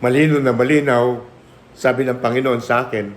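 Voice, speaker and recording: A man's voice: mid-range voice, steady tone, fairly quick. A middle-aged man preaching a personal testimony, mixing Filipino and English, acting out the voices in his story. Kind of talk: testimony sermon.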